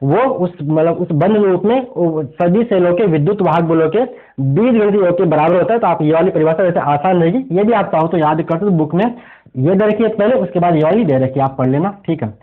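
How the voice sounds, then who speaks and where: A man with a high voice teaching an exam revision lesson in physics. He walks through each step and keeps asking the class questions he answers himself. The sound is thin and tinny, like a phone line. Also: brisk. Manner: explains step by step, poses rhetorical questions to students. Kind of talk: exam revision lecture at a board.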